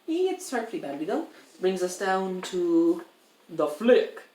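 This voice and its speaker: A woman narrating as game master in a halting, filler-heavy way. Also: lowish voice, sing-song, dark tone. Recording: echoey room, faint noise.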